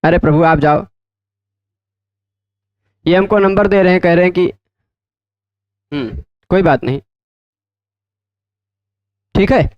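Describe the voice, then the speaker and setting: A man teaching Sanskrit grammar in a lecture, often asking his students check questions and repeating terms slowly. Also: high-pitched, smooth, no echo, highs cut off. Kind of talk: explanatory lecture.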